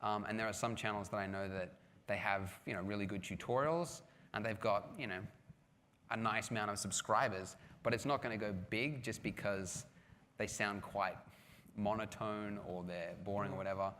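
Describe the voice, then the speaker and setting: Speaking at a normal pace in a steady, lowish, fairly bright voice, this man keeps things casual and self-deprecating on a live panel, restarting often and using plenty of fillers. It's a relaxed conference talk with audience questions in a large, occupied hall, and the recording carries long reverb plus faint background noise.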